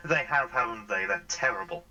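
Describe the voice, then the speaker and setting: A man's voice: medium pitch, expressive, normal speed, pushed and bright, dull audio. A man voicing a talkative, pushy, melodramatic personal assistance drone in a tabletop role-play. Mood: melodramatic pleading. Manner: dramatic, wheedling, over-familiar.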